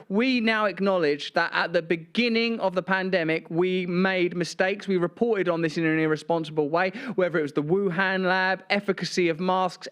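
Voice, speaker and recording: A man's voice: high voice, a bit bright. A man hosting a comedic interview, talking in a mocking, theatrical way and laughing easily. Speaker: host.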